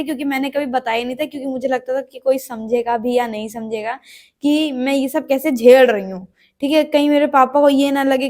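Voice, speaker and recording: A young woman telling a personal story in a casual storytime vlog, acting out what other people said along the way. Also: sits high. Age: young adult. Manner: animated storytelling, acting out quoted voices. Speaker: vlogger.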